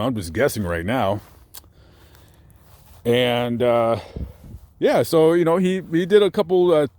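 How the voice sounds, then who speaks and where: Man, casual rambling commentary, mid-pitched, lots of fillers, self-correcting. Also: darkish tone, dry recording. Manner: chatty, meandering, many fillers and self-corrections. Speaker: vlogger visiting famous graves. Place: outdoors at a cemetery.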